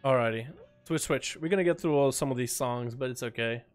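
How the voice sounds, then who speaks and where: Speaking briskly at a medium pitch, this streamer has a clear, resonant tone while faint music plays behind him. He's an American-accented Russian speaker casting game duels live, chatting with viewers, excitable throughout and shouting at big moments.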